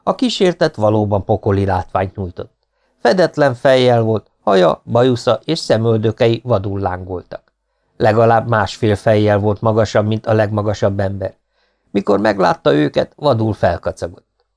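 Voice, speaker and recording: A man narrating an audiobook novel in a steady, measured storytelling manner. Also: fairly low pitch, gravelly. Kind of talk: scripted narration.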